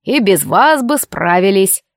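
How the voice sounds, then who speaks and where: A woman voicing a stern male chief of the magic police who speaks in a measured, cold, clipped way. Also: medium pitch, animated, no echo, clean studio sound, close to an everyday voice.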